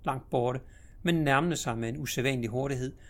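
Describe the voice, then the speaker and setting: A man reads an audiobook story aloud, steady and measured. He builds tension with dramatic storytelling at an average pitch for a man. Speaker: narrator.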